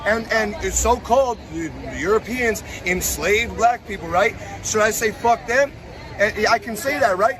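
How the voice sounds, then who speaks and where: A man's voice: high-pitched, unhurried, a crowd in the background, background noise. A man from Cuba arguing in a street confrontation, pushy and rhetorical.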